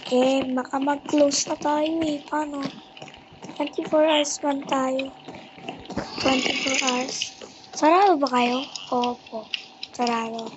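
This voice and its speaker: Talking to themself while playing a game, a Filipino-accented child role-plays and keeps repeating short phrases in casual chatter. The voice is high-pitched with fairly even intonation, slow and full of pauses, captured in a very noisy, clicky home recording with the highs cut off.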